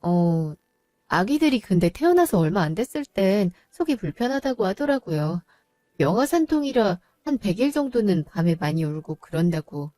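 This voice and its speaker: Calm, patient daughter-in-law acted by a woman, mellow mid voice, dry studio read. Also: medium pitch, normal speed, no echo, lightly acted. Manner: calm, polite. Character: patient young wife, kind daughter-in-law.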